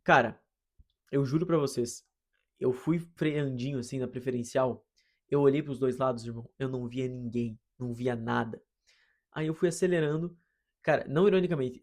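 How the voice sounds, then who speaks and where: A young man with a Brazilian Portuguese accent tells a personal story in a slangy, animated way, calling his listeners brother and mate as he hosts his own channel. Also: medium pitch, fairly quick. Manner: slangy, animated, addresses listeners as "irmão" and "mano". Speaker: host. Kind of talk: casual storytelling monologue.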